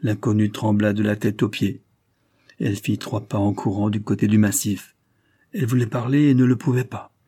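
A man narrating a novel as an audiobook in a measured, expressive way. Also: lowish voice, slightly rough, no echo, studio quality. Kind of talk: literary audiobook reading.

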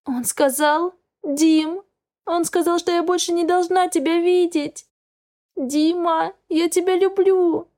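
A woman voicing a distraught young woman who pleads in a tearful, high, strained voice. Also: fairly even intonation, takes it slowly, a little mellow. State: tearful, sobbing.

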